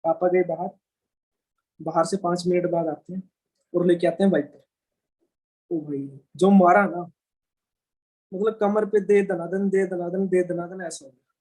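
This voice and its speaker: A young man at a business training session, telling a story to a live audience in a colloquial, animated way and often checking in with quick tag questions. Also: sits high, low-quality recording.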